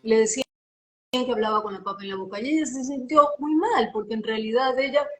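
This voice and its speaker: A woman from Ecuador with a Guayaquil accent, a voice and diction coach explaining in an animated, teacherly way during a live interview. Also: on the high side, fairly quick. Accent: Guayaquil Spanish. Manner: animated, expressive, teacherly, asks rhetorical questions.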